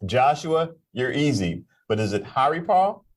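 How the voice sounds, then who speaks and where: A man hosts a live aviation talk show, introducing his guests in a friendly, joking way and stumbling over their names. His mid-range voice swings widely in pitch, and he speaks unhurriedly.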